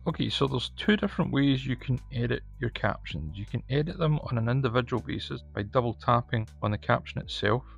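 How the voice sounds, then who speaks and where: A man's voice: medium pitch, lively intonation, a little fast, gravelly, hardly any pauses, slightly rough, soft background music. A man with a broad Scottish accent hosting a casual step-by-step video tutorial. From Scotland. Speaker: tutorial host. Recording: echoey room, slightly dull sound.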